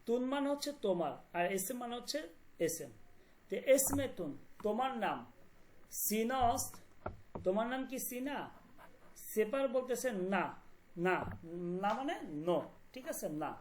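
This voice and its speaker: A woman with a fairly high voice leads an online language lesson. She repeats each word and keeps checking that her students follow. A faint hum sits under her voice. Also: expressive, measured pace, long pauses, a little mellow. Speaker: language teacher. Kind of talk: online class explanation.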